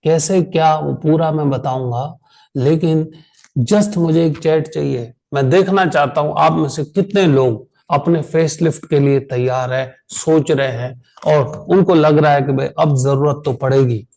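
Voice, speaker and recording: Indian man, tired trainer on an online call, slow and emphatic, repeats phrases, fairly high voice. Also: vocal fry, a little mellow, low-quality recording. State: tired after a long meeting. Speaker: insurance sales trainer.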